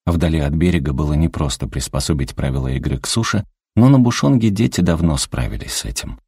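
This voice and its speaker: A man narrating an audiobook in an expressive, lively storytelling manner. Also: rumbling low, fast talker, slightly rough, no echo, studio quality.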